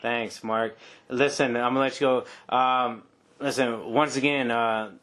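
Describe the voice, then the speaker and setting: A man's voice: mid-range voice, steady tone, a little slow, a bit bright. Effusive man in his forties hosting. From Detroit area, United States. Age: 40s. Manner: casual, effusive, says man a lot. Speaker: podcast host. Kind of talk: casual podcast interview.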